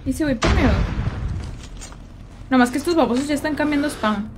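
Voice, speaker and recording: High-voiced Mexican woman streaming games. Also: moderate pace, noisy background. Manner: slangy, teasing, reads out and greets chat while playing. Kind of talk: casual gaming livestream chat.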